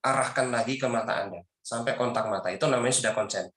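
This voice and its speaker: A man's voice: mid-range voice, fast, a bit bright. Man giving a roomy parenting lecture. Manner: explanatory, enumerates points, rhetorical questions. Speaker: religious teacher. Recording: roomy echo.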